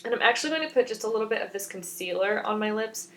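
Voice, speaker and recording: A woman's voice: medium pitch, expressive, fast talker, fairly bright tone. A young woman in her twenties, a beauty vlogger, chatting and explaining each step of her makeup in a rambling, self-mocking way.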